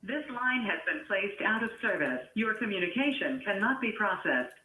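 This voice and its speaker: An automated phone system voice reading a recorded phone message in a flat, scripted announcing manner. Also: mid-range voice, moderate pace. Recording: echoey phone line playback.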